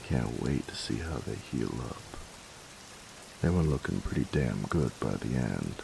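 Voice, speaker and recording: A male voice actor plays a gruff young bully boyfriend in intimate roleplay audio, heavily acted, his extremely low voice thick with fry. In a relaxed, teasing mood he takes his time, halting when he turns tender, while clear hiss and steady rain fill the background.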